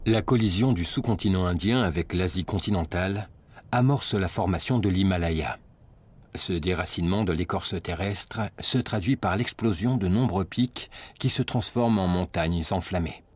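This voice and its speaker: A man delivering scripted nature documentary narration in a measured, dramatic storytelling manner. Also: low voice, husky. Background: prominent music.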